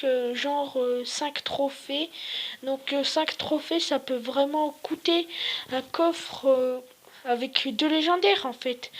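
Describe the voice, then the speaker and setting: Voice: high-pitched, fairly bright tone. A video creator with a sore throat giving casual, hesitant and rambling gaming commentary. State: sore throat, slightly ill.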